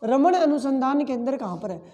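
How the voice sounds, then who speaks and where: A man teaches an exam-prep lesson with a high, soft-toned voice. He drills memory tricks by repeating key words and firing questions he answers himself. His voice rings with a long reverb. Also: lively intonation, normal speed, highs cut off.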